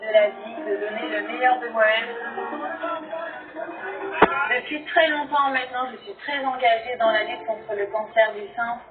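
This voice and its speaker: A young woman from France talks gently, pausing now and then to find her words. She sounds far from the mic, in an echoey space. The audio is tinny, with music behind her. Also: a little high, steady tone. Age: young adult. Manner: warm, hesitant with fillers. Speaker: pageant contestant. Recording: tinny distant TV broadcast with music.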